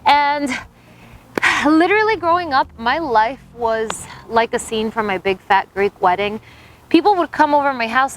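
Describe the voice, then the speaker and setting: An American woman in her thirties, a TV host giving a talkative, upbeat audition pitch straight to camera. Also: slight background noise. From United States.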